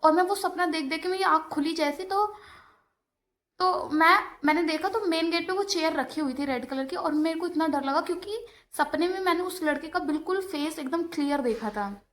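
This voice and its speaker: High-voiced young woman telling a ghost story. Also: fairly bright tone. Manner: conversational, halting with restarts and fillers. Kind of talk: casual personal ghost story.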